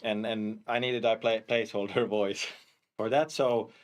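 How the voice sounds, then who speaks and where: A man, a cinematics director, talking casually in an interview, halting with many restarts and fillers. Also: on the low side, steady tone. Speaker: live action and cinematics director.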